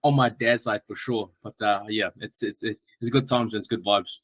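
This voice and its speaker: A man from Samoa, a guest on a podcast, chatting in a friendly, relaxed way with lots of fillers and restarts. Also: on the low side, moderate pace, slightly rough, no room sound, poor audio. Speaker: guest, strength coach. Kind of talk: casual podcast interview.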